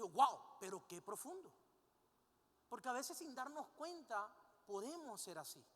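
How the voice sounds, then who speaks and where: Female preacher, higher voice, sermon with audience questions, long hall reverb. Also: a bit bright. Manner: asks the congregation frequent rhetorical questions; leads the congregation in call-and-response.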